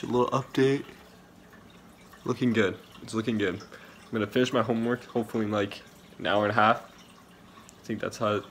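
A young man vlogging casually from his bedroom into a phone held at arm's length, laid-back and trailing off quietly. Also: lowish voice, a little hiss or hum. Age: young adult. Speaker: vlog channel member. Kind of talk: casual vlog. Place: bedroom, indoors.

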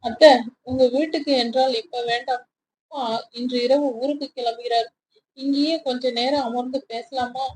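A woman's voice: sits high, fairly even intonation, moderate pace, darkish tone, slight background noise, close to an everyday voice, rough recording. A woman voicing a hurt, resentful young woman office worker, speaking in a wounded, questioning way. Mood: concerned.

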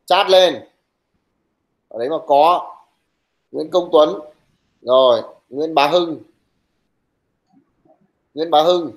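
A young man teaching an online class, his voice sitting a little high for a man. He talks briskly and teases his students, scolding them bluntly as he calls the roll. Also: low-quality recording. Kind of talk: online class talk, taking attendance.

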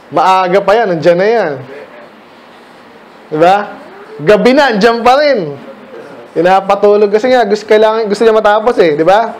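Filipino pastor guy, kinda high voice, chatty bible study with the kids, keeps asking them stuff. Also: a little mellow, slight background noise. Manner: conversational, asks questions of listeners by name. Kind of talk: casual Bible study sermon to children.

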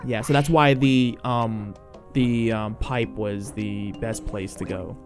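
A man's voice: on the low side, steady tone, over music. Rambling man narrating his gameplay. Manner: rambling, halting with many fillers and restarts. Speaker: let's play host. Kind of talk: casual gameplay commentary.

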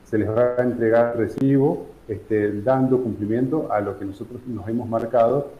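Over a video call, a middle-aged charity director from San Juan, Argentina, explains his organization's work in a news interview, measured and full of fillers. His medium-pitched voice stays fairly even, and the audio is dull and echoey from the room.

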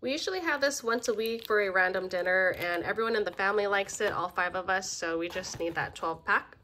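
A woman in her thirties, a little under the weather, casually chatting at home as she shows off her groceries, with relaxed, friendly talk full of ums. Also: medium pitch, a little fast, slight background noise. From Filipino family. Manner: relaxed, friendly, frequent "um" fillers. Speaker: vlogger showing a grocery haul. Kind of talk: casual chatty haul commentary. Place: home kitchen table.

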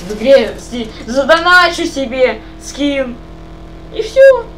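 This gamer's high-pitched, slightly bright voice swings widely in pitch and moves slowly, over poor audio with slight background noise. She's a young woman chatting casually on a voice call, rambling and repeating her questions.

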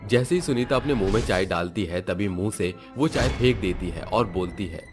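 A man narrating an animated family story in a steady storytelling manner. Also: on the low side, normal speed, soft background music.

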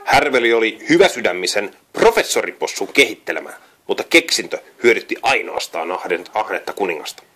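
A man's voice: on the low side, big pitch swings, pushed and bright, slightly rough. A man reading a children's storybook aloud, often stumbling and correcting himself. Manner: frequent slips and self-corrections while reading. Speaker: reader.

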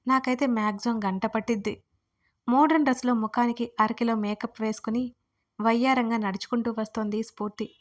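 A woman narrating her own first-person audio story, chatty with comic asides to the listener. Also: a little high. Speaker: writer and narrator.

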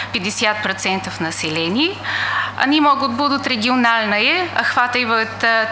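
A woman's voice: fairly high pitch, pushed and bright. A middle-aged woman who is not a native speaker lectures over slides with a foreign accent and frequent hesitations. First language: not a native Russian speaker. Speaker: conference lecturer. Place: indoor lecture room. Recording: echoey room with faint hiss.

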